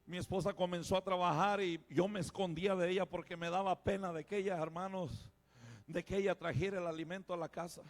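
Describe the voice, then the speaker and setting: A middle-aged man, a pastor giving a fervent sermon testimony that rises to loud exclamations. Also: sits high, fairly even intonation, fairly quick.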